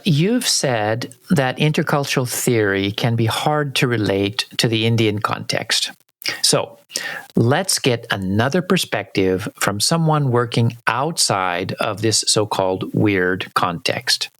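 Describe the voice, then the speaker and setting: A man hosting a podcast, introducing guests and explaining ideas in a calm, explanatory way. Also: mid-range voice, unhurried, dry recording. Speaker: podcast host. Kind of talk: podcast conversation.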